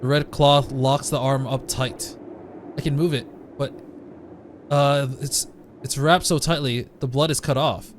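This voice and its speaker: A man's voice: medium pitch, fairly even intonation, measured pace, slight background noise. A man reading a visual novel aloud as narration, breaking off now and then to joke about it. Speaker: let's play reader.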